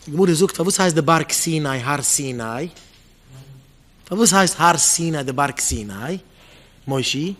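A man's voice: a little high, animated, unhurried, pauses often, a bit bright. A man preaching with pointed questions. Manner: repeats pointed rhetorical questions, mixes in English words. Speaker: rabbi giving a Torah talk.

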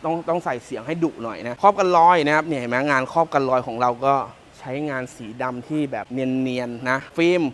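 A man's voice: mid-range voice, quick pace, few pauses, fairly bright tone, slight background noise. A man from Thailand giving a casual, joking walkaround of a pickup truck as a car salesman, often repeating himself. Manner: chatty and joking, repeats phrases.

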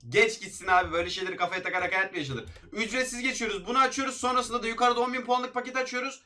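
Young guy yelling through game pack openings, fast and bright, all hype then groans. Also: high-pitched. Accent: Turkish.

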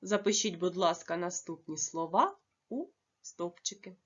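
A woman teaching a lesson to young children, dictating slowly and carefully with drawn-out words. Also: lowish voice, expressive, husky, dull audio. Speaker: primary school teacher.

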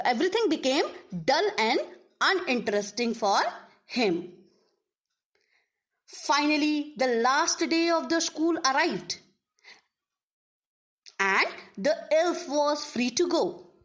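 Brief: woman teacher, high voice, patient and rephrasing. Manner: explains word meanings, with restarts and simple rephrasing. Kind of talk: reading a story aloud and explaining it to a class.

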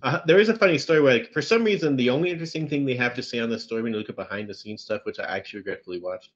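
Man, sarcastic, dry humor, mid pitch, casual review chat, slightly muffled video call. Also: rapid-fire. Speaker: podcast co-host reviewing films.

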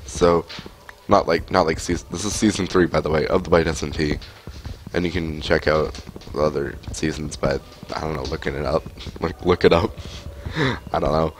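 Indoors at home, a young man who has a cold rambles through casual gameplay commentary on a headset mic, full of fillers. His voice rumbles low, with fairly even intonation and a moderate pace.

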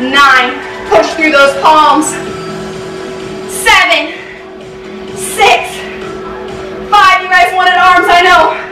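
Young female fitness instructor, high voice, unhurried rep counting mid-exertion, encouraging, distant roomy mic. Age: young adult. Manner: counting workout reps; encouraging, with short commands. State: exerting while exercising. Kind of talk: leading a home workout. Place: indoor home gym with curtains, hard floor. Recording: roomy echo, distant mic, music behind.

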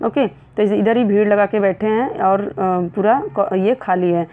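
A woman teacher, reading English lines slowly and then explaining them in Hindi. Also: medium pitch, narrow, tinny audio.

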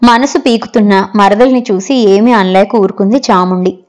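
A woman narrating a short story in a measured, even storytelling manner, as host of her story channel. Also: medium pitch. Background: faint background music.

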